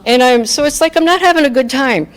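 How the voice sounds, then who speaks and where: A woman's voice: high voice, fast. A woman speaking candidly and reflectively, in a conversational way, as she gives a personal recovery talk to a group. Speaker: speaker at a recovery fellowship meeting.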